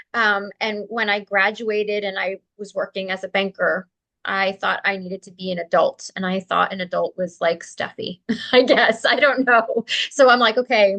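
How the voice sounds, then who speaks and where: This woman speaks in a mid-range, slightly bright voice. As a guest on an interview, the spiritual practitioner recounts something personal with sincerity and openness, mixing in light laughter and fillers.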